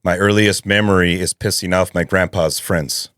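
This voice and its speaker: A man with a low, deep voice chats as a podcast guest. He is a voice actor and comedian who tells stories with a lot of energy and laughs easily. The recording sounds close and dry. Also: moderate pace, dry recording. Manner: animated storyteller who laughs often. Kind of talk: casual chat.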